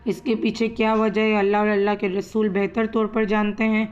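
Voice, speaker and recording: A woman teaching Quran recitation rules, slowly spelling out letters and vowel marks before reading each word. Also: mid-range voice, level tone, darkish tone, lo-fi sound. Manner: slow, drawn-out letter-by-letter recitation. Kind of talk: patient step-by-step lesson, spelling out letters.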